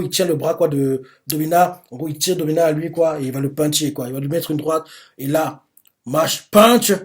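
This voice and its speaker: A man's voice: on the high side, darkish tone. Hesitant young man recapping a manga. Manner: hesitant, many fillers, retelling each panel. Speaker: manga reaction host. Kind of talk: live manga chapter read-through.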